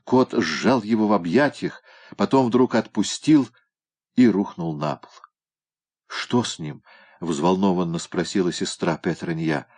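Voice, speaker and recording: A man reads a story aloud in a steady, measured way. His voice sits on the low side and never hurries. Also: husky. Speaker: reader. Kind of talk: audiobook narration.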